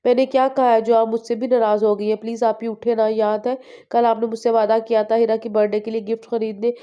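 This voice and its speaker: A woman's voice: on the high side, flat delivery, quick pace, clear, resonant tone, natural voice. A woman reading the part of a young girl cousin who coaxes and pleads. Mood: pleading. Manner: coaxing, pleading. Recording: dull lo-fi recording.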